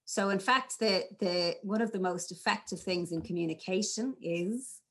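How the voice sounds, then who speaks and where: A woman, a drama teacher talking through classroom exercises in an interview, animated and playful. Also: medium pitch, normal speed. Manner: animated, demonstrates lines in varied voices. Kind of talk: conversational interview.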